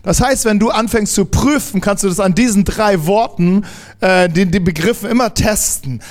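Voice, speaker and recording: Preaching a sermon to his congregation, a high-voiced man speaks at normal speed in a lively, emphatic manner. He restarts sentences and slips casual slang into his teaching, and his voice climbs and drives forward whenever he makes a point.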